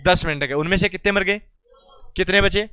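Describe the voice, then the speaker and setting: Male teacher, Rajasthani accent, bright and crisp, teasing, dry close sound. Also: sits high, a little fast, no room sound. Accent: Rajasthani Hindi. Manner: teasing, coaxing students by name; loud calls to class, then quieter explaining. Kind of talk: classroom lesson. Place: classroom.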